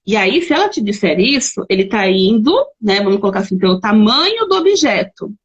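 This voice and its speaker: Husky Brazilian woman teaching on a live stream. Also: medium pitch, very animated, a little fast, highs cut off. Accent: Brazilian Portuguese. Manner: chatty, reads out viewer comments and gives worked examples. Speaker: educator hosting a live stream.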